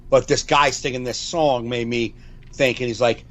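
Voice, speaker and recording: A man's voice: medium pitch, steady tone, normal speed, a bit bright. A man in his forties, a comedian co-hosting a podcast, rambling in casual chat over a video call, repeating himself and swearing freely. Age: 40s.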